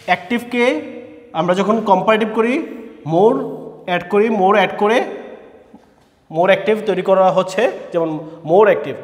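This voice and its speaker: A man teaching a grammar lesson, explaining slowly and spelling words out letter by letter. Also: high voice. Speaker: English teacher. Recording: echoey room with long reverb.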